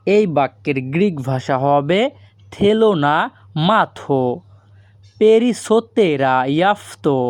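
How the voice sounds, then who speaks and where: Slow, patient man teaching phrases. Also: fairly high pitch, a little mellow, dry recording. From Bangladesh. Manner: patient, repeats and breaks down each phrase. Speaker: language teacher. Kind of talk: slow step-by-step phrase lesson.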